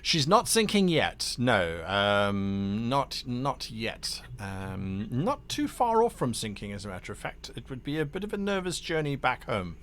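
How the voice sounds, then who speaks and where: A man narrating a tabletop game as game master, lively and laughing, with many fillers. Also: medium pitch, a little slow, hardly any pauses.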